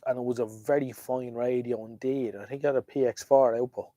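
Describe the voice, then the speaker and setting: Brisk and warm, with fairly even intonation in a medium pitch, a man from Ireland hosts a casual livestream about vintage radios. He rambles hesitantly, shares firm opinions, and leaves thoughts unfinished as he jumps around, all on a dry recording.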